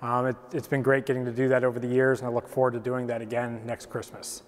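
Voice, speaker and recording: A middle-aged man, a chief executive, giving a steady holiday greeting in a large indoor hall on a lapel mic. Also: medium pitch, fast. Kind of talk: casual holiday greeting to camera. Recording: reverberant hall.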